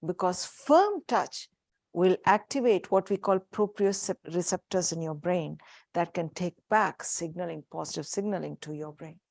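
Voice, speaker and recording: Speaking a little slowly in a lowish voice with some vocal fry, an Indian-accented woman psychiatrist walks parents through a practical workshop, holding up objects as she goes. She's warm and down-to-earth, addressing people in the room and on Zoom, and the recording is dry.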